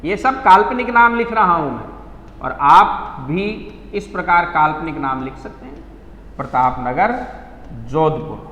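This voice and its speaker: Man, teacher, slow emphatic explaining, high voice, echoing classroom. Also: expressive, pushed and bright, lo-fi sound. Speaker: English teacher. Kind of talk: classroom lesson.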